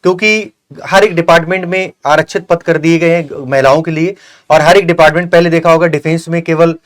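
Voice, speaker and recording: A man's voice: a little high, fairly even intonation, a little fast. A young man hosting an interview, giving earnest, repetitive advice full of fillers. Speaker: host of a coaching channel. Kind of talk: interview with a successful candidate.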